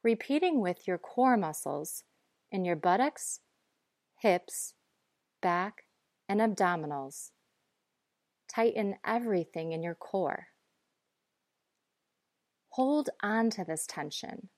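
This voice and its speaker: A woman guiding breathing and muscle relaxation in a calm, measured, instructive way. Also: medium pitch, no echo, studio quality. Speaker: guide.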